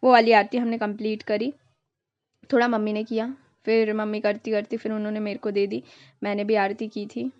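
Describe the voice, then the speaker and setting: A woman's voice: mid-range voice, little pitch movement, fairly quick, darkish tone, no room sound, lo-fi sound. Chatty young woman vlogger, dry sound. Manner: chatty, giggly, mixes English words in. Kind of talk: casual voice-over narration.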